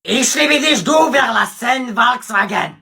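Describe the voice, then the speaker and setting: A man putting on a shouting German-speaking man with a raspy, gravelly voice and slow, barking mock German. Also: extremely high pitch, exaggerated voice. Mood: angry shouting.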